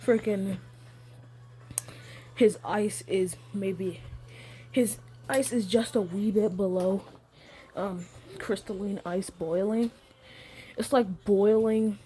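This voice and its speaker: A woman's voice: medium pitch, steady tone, slow pace, long pauses, warm tone. A woman casually telling a made-up fan story, giggling often and rambling with fillers.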